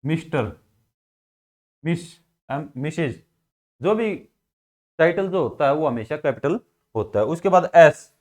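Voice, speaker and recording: A man's voice: on the high side, animated, slow, pauses often, a little mellow. A man with a Haryanvi Hindi accent teaching a school class, asking questions and then answering them himself. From India. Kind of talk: classroom grammar lesson.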